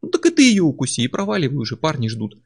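A man playing a gruff jeering barbarian comrade. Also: on the high side, huge pitch swings, very fast, pitched above the performer's own voice, full character voice. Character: rough, mocking male barbarian comrade.

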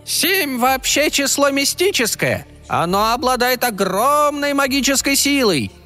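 A man voicing a calm, matter-of-fact male fairy who explains things plainly. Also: very high-pitched, a little slow, soft background music, voice pushed up, full character voice.

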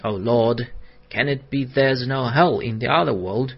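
A man voicing an agitated male asylum patient who shouts indignantly and hoarsely. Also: medium pitch, measured pace. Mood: furious. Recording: dull lo-fi audiobook recording.

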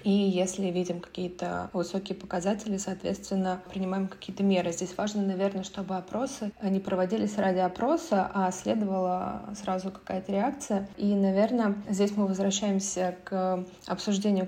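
A woman guest on a podcast, her voice flat and gravelly with a dark tone. She speaks in a measured, hesitant way, filling pauses often. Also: mid-range voice. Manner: measured, hesitant, many fillers. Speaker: foundation staff guest. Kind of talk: conversational podcast discussion.

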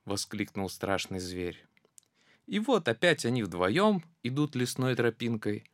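A storyteller reading a children's verse tale aloud in a rhythmic, expressive way. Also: medium pitch, a little slow, no room sound, studio quality.

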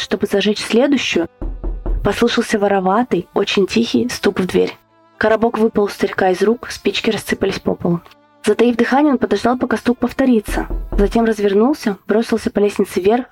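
Measured female narrator for a spooky tale, soft music underneath. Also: mid-range voice. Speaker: podcast host. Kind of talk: scripted horror story narration.

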